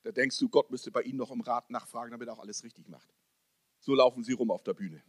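A man preaching a sermon to a congregation, asking rhetorical questions and swinging between loud emphasis and soft, close-up speech. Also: mid-range voice, quick pace, dry recording. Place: church service hall.

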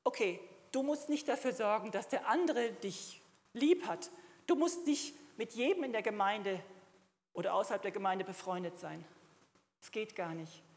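A woman's voice: mid-range voice, moderate pace, darkish tone, in a large hall. A middle-aged woman preaching a sermon to a congregation, emphatic and at times rising to fervent exclamations. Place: church hall.

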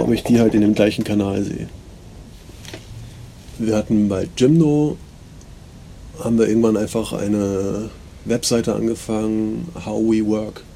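A man talks through his thoughts in a loose, rambling monologue that is full of hesitations and fillers. His voice is low, dark and gravelly. It comes through a low-quality recording. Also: slight background noise. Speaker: podcast host. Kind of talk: casual reflective monologue.

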